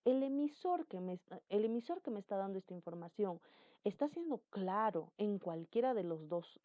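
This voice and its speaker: Teacher woman with a tinny, phone-like sound. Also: dry recording. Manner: animated, jumps up in pitch and volume for emphasis, acts out examples. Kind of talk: explaining a grammar lesson. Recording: dry, phone-like narrow sound.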